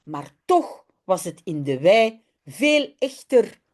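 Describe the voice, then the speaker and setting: A woman's voice: medium pitch, sing-song, slow, a little mellow, voice pushed down. A woman voicing a bold, slightly bossy little boy in a children's storybook, calling out unhurriedly.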